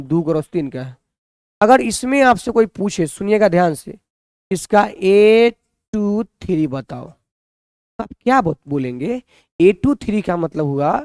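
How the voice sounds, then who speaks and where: A man's voice: high-pitched, darkish tone, no echo, studio quality. Man teaching maths. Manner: repeats questions to students and answers them himself. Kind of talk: blackboard maths lesson.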